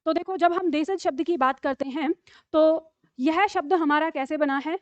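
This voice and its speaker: High-voiced woman teaching a lesson. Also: moderate pace, dry recording. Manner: explains patiently, checks in with frequent rhetorical questions. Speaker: Hindi teacher. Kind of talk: online classroom lesson.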